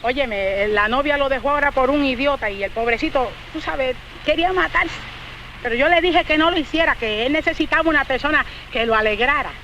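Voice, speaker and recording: Casting: fussing Latin American mother, broken English with Spanish accent, very high, sharp voice, vintage film comedy. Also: fast talker, muffled recording, slight background noise. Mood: coaxing. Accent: Spanish-speaking Latin American. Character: brassy, fussing island mother, matchmaking for her daughter.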